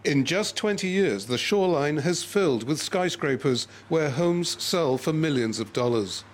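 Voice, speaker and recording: A male correspondent narrates a scripted report with clear, even delivery. His pitch sits a little high for a man. The read is a polished voice-over. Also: unhurried.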